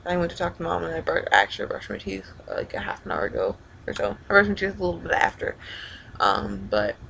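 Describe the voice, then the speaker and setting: A young adult woman with a creaky voice rambles informally in a casual video diary, often halting and backtracking. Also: fairly low pitch, very animated, fairly bright tone, slight background noise. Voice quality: creaky vocal fry. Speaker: vlogger.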